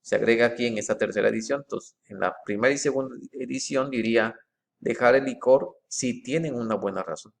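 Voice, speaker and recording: A man with a gravelly voice talks through a text comparison in an informal, explanatory way. His pitch sits in a plain middle register. He reads short passages aloud and stops often to restart his phrases. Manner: methodical and halting, with frequent fillers and restarts. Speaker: presenter comparing book editions.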